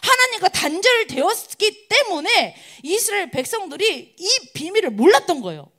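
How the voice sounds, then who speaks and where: A woman preacher giving a sermon to college students, constantly asking the listeners questions. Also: sits high. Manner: animated, acts out quoted crowds.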